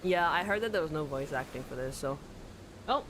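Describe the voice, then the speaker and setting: A woman's voice: deep voice, animated, a little fast, background noise. A woman streaming a game in casual, chatty commentary, giggling and gushing with lots of fillers. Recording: loud game music behind the voice.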